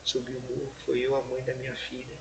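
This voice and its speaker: Gravelly Brazilian man telling a testimony. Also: medium pitch, a little fast, lo-fi sound. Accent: Brazilian Portuguese. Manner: lively storyteller, keeps saying "rapaz", acts out dialogue. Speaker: evangelist guest on a church podcast. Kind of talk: casual testimony storytelling. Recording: clear background noise.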